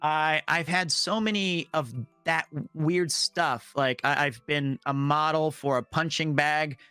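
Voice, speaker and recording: A man and voice actor telling a strange work story in casual chat, animated and acting out the voices he quotes. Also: a little high, a little slow, clear, resonant tone, no echo, faint music behind.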